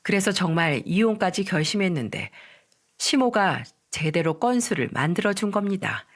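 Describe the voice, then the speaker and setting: A woman's voice: on the low side, very animated, normal speed. A woman reading a first-person story in scripted narration, with an indignant, emphatic manner.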